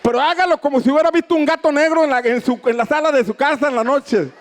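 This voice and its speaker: A man's voice: extremely high pitch, fast. A man preaching a sermon, fervent and declamatory, raising his voice for emphasis. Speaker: pastor.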